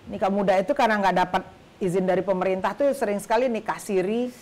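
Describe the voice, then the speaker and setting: A middle-aged woman hosting an interview, speaking in a measured, questioning way. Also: medium pitch, steady tone, a little mellow. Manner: measured, questioning, frequent backchannel agreement. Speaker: host. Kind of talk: casual interview.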